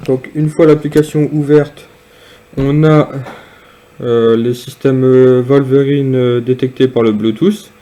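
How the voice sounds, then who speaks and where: A man casually demonstrating and reviewing a piece of gear, speaking hesitantly with frequent pauses and fillers. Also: medium pitch, fairly even intonation, warm tone. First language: French. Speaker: product reviewer.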